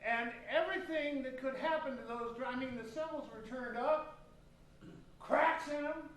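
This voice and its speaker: A middle-aged man from California telling students lively, emphatic stories in a spoken school presentation. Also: extremely high pitch, normal speed, slight background noise. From West Sacramento, California. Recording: echoey room from far off.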